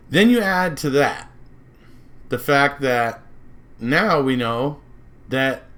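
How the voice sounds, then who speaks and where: A man's voice: mid-range voice, a bit bright. Rambling American man, casual commentary. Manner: rambling, circling back and repeating himself. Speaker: true-crime commentator. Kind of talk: casual speculative monologue.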